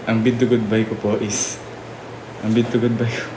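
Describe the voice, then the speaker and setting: A young man nominating fellow housemates, halting and full of fillers and restarts. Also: lowish voice. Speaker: reality show housemate. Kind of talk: nomination confessional. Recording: echoey room with steady noise.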